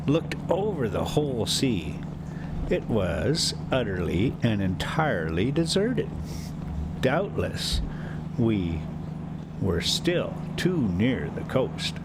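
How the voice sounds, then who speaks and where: A man reads a storybook aloud, stumbling over difficult words and tossing in folksy jokes at his own expense as both reader and host. He's inside a diesel motorhome driving through a city, and the engine and road rumble come through clearly behind his voice.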